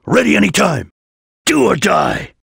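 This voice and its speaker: A man's voice: sits high, wildly swooping pitch, measured pace, creaky, a bit bright, slightly rough, no room sound, studio quality, exaggerated voice. A man playing a stern, disciplined ninja chameleon in a video game, speaking in solemn, formal, clipped declarations. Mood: intense battle cries. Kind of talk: video game character voice acting.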